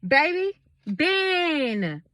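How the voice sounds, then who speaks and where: A woman with a somewhat high voice delivers a casual vlog monologue, talking straight to her viewers. She is emphatic and a little preachy, pressing her points home. The sound is dry and close, with almost no room echo. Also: sing-song, extremely slow, pushed and bright. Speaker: vlogger.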